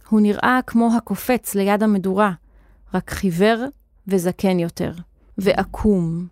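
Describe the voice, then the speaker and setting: A woman narrating a children's story in a clear, expressive reading voice. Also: mid-range voice, no room sound, studio quality.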